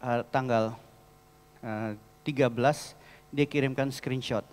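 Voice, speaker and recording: A man preaching a storytelling sermon as a pastor, lively and often calling out to the congregation. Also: medium pitch, takes it slowly, clear, resonant tone. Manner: lively, addresses the congregation as "saudara". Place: large church hall. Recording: long church hall reverb.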